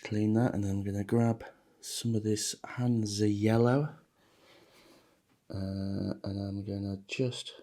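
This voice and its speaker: A man giving a relaxed, chatty watercolour painting demonstration, talking loosely with plenty of ums as he paints. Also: on the low side, slow pace. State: a bit shaky from coffee. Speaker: watercolour teacher.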